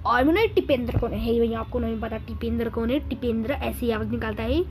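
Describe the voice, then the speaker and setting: Brief: a man voicing a squeaky, boastful cartoon cat gamer, rattling off commentary over loud game noise. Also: quick pace, low-quality recording. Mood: excited chatter. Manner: chattery, calls everyone brother, boastful. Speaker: gaming video host. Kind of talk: in-character gameplay commentary.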